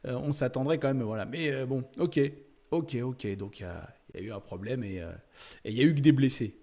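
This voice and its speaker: Young guy chatting over his screen, gravelly and a bit husky, laughs a lot. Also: medium pitch, fairly quick, dark tone. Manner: chatty, laughing, thinking aloud with many fillers. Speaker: YouTuber exploring a website. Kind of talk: casual screen-share commentary.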